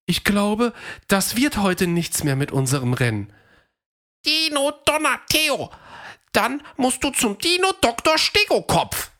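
A woman voicing Fred, a fast, eager male dinosaur runner in a children's audio story, in a high, excited voice. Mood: worried.

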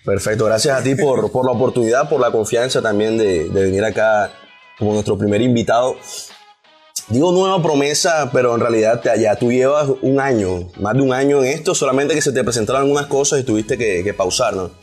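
A man with a Barranquilla, Colombian coastal accent, hosting an interview casually in informal, halting phrases. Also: medium pitch, darkish tone, slightly rough, faint music behind. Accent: Colombian Caribbean coast, Barranquilla. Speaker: interview host.

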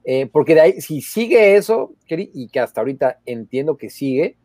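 Male football correspondent, mellow and slightly high voice, rambling casual delivery with restarts. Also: sing-song, brisk, dry recording, studio quality. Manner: chatty, with hesitations and repeated words. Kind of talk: casual sports talk. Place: abroad, in the Netherlands.

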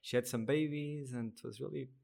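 A man answers as a podcast guest in relaxed, informal conversation. His voice sits at an average male pitch. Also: fairly quick, creaky. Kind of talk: casual interview chat. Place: big open lounge, indoors.

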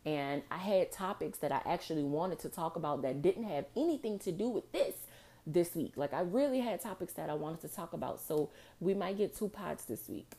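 Young woman ranting on her podcast, lowish mellow voice, heated and swearing, kinda choked up. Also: lively intonation, normal speed. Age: young adult. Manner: impassioned, frustrated venting with profanity; emotional, near tears. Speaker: podcast host. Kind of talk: personal podcast monologue.

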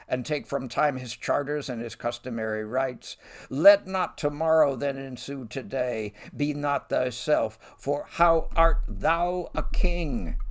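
A man's voice: mid-range voice, creaky, voice pushed up. A man reading the verse of a mild-mannered older nobleman who is losing patience with his king. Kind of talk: reading Shakespeare verse aloud.

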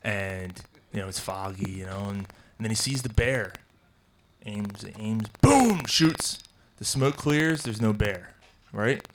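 A man's voice: on the low side, animated, takes it slowly, a little hiss or hum, poor audio. A man hosting a casual podcast from a brewery bar, telling crude jokes with loose storyteller banter. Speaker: podcast host.

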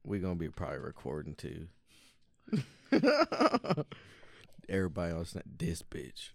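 Deep-voiced laid-back man. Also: fast talker, creaky, a little mellow, dry recording, clean studio sound. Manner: laid-back, slangy, laughs often. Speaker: podcast co-host. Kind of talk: casual stoner chat.

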